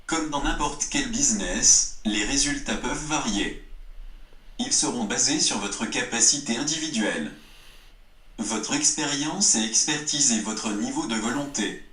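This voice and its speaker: A man's voice put through a robot voice effect, reading a legal disclaimer in a steady, even way. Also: medium pitch, measured pace, echoey room.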